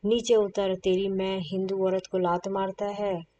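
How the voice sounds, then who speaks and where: A woman voicing a thin, nervous clerk man who shouts insults. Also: mid-range voice, flat delivery, measured pace, distant mic, highs cut off, a little hiss or hum, lightly acted. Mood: furious.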